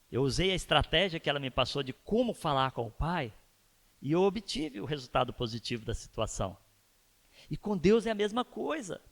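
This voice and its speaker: A man's voice: on the high side, fairly bright tone. A man, a pastor telling a personal story in a conversational church sermon and asking his listeners rhetorical questions. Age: 50s.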